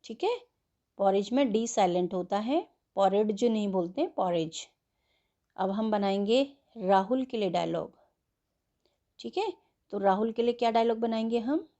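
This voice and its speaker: A woman teaching an English worksheet, slowly spelling words letter by letter and explaining them in Hindi. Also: fairly high pitch, expressive, warm tone, muffled recording. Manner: slow and patient.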